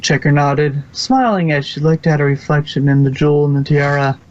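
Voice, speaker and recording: Fairly high-pitched yet darkish in tone, this man's steady voice moves a bit fast as he narrates a scripted fan fiction story. He sometimes stumbles and rereads words, and the audio is a little muffled.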